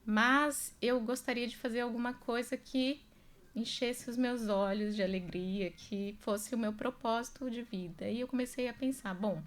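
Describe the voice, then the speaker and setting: A woman in her thirties from Brazil, a nurse guest on a radio show, telling her story in an earnest, measured way in the studio. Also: on the high side, steady tone. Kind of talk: radio interview. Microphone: studio microphone.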